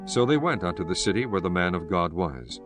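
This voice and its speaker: Low-pitched man narrating scripture over music. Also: animated. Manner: measured, formal.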